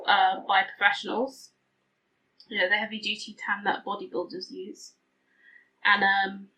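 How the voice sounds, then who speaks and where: A woman beauty vlogger with a very bright, fairly high voice that sounds slightly tinny. She rambles casually to camera, chatty and self-deprecating, as if thinking out loud. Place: hot room at home, window open.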